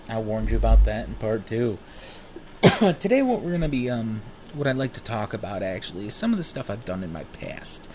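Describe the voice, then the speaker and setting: A man in his thirties, smoking while he talks, telling rambling personal stories in a casual, animated way and swearing freely. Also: lowish voice, normal speed, slight background noise. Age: 30s. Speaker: vlogger.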